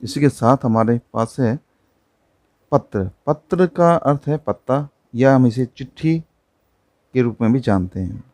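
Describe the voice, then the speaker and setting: A man's voice: medium pitch, a little slow, mellow, dry recording. A man teaching a primary-school Hindi lesson, patiently explaining words with examples.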